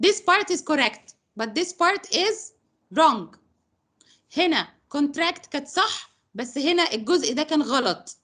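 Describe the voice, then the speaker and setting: A woman's voice: high voice, expressive, slow, a bit bright. A woman with an Egyptian Arabic accent teaching science over a video call, patient and coaxing, mixing Arabic and English. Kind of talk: online tutoring lesson.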